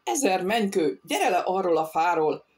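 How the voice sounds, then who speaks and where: A woman's voice: medium pitch, darkish tone, lightly acted. A woman reading an audiobook, voicing a threatening male robber-baron captain who barks orders at his dragoons. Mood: furious.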